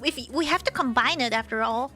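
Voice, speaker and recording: A high, bright-voiced woman chats casually on her livestream. She rambles, teases and restarts her sentences as she thinks aloud, with faint music playing behind her. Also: fairly quick. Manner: chatty, teasing, rambling with restarts. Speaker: streamer.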